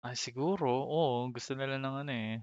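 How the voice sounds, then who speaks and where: A man's voice: mid-range voice, normal speed, darkish tone, lo-fi sound. A man chatting casually while gaming, reading out item names and mixing in English. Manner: reads out item names, code-switching, chuckles. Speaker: gamer co-host.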